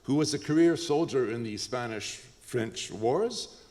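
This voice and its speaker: Canadian guy giving a talk at a conference, lots of uhs, lively, echoey hall. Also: medium pitch, a little slow. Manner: lively, joking asides, frequent ums and uhs. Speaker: lecturer. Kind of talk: conference lecture. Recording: hall reverb.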